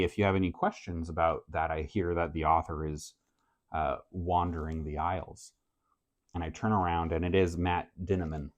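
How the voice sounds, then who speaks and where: A man who grew up in France, talking casually to camera about his reading list in a relaxed, measured way. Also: low-pitched. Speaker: book vlogger. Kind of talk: casual book talk to camera.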